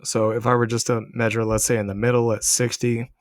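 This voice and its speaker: A man's voice: medium pitch, flat delivery, brisk, no echo, clean studio sound. A man giving casual, explanatory market commentary as a channel host, talking viewers through price charts. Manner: explanatory, addressing viewers directly. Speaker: crypto trading channel host.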